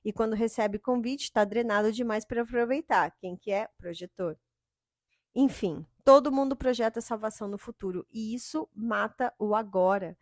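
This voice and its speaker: A middle-aged woman, giving an animated spiritual talk as a yoga and spiritual teacher. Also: a little high, normal speed, no room sound, clean studio sound. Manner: animated, acts out quoted inner voices with sighing "ai".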